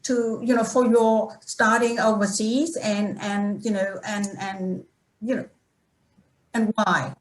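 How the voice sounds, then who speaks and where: A woman's voice: medium pitch, flat delivery. Roomy-sounding woman hosting a webinar. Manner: halting, strings of "you know" and restarts. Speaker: webinar host. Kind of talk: moderating an online panel. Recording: roomy echo.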